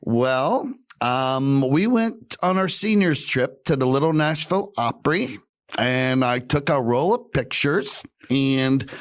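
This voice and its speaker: A man's voice: a little high, pitched above the performer's own voice. A man voicing a sweet old grandma, chatty and mildly scolding, in a comic storytelling impression.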